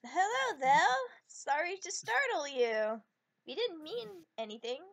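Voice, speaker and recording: A woman voicing her tabletop game character, a polite adventurer calming frightened servants in a soothing, courteous manner. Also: sits high, unhurried, exaggerated voice. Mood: apologetic, soothing.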